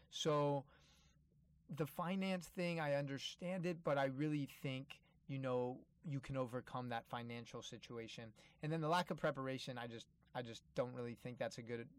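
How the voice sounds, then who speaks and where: A man's voice: mid-range voice, no room sound. A man giving an informal, earnest motivational talk, addressing listeners directly and repeating key phrases for emphasis. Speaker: motivational travel speaker.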